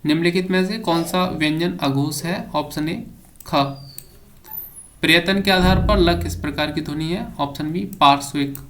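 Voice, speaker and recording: A man's voice: on the high side, moderate pace, fairly bright tone, slight background noise. A male teacher giving an exam prep lesson, reading each question aloud and then giving the answer with a brief explanation.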